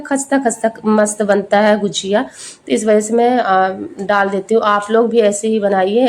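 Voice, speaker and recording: Chatty homely woman, cooking vlog. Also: fairly high pitch. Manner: chatty and homely, addressing viewers directly. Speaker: cooking vlogger. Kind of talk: casual cooking vlog narration.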